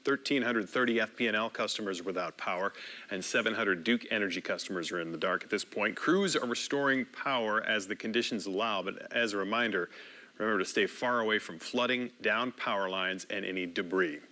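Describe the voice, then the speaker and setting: Bright, crisp-edged male news anchor. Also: on the low side, a little fast. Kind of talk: broadcast news delivery.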